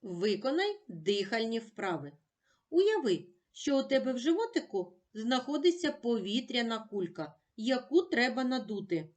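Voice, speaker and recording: A woman teacher giving a children's speech lesson, talking slowly with clear, deliberate diction. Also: a little high, sing-song, darkish tone. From Ukraine.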